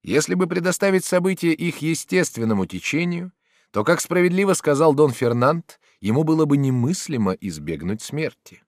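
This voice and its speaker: Male narrator, dramatic storytelling, animated pitch. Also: normal speed, no room sound, studio quality. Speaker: audiobook narrator. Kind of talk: scripted narration.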